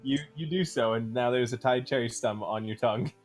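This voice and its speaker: A man's voice: mid-range voice, a little fast, music in the background. A man narrating as game master, loose and easygoing, with lots of fillers.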